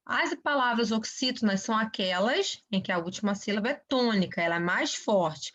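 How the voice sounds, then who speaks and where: A woman teacher giving a recorded grammar lesson, explaining step by step and often checking in with short questions. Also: a little high. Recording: dull lo-fi recording.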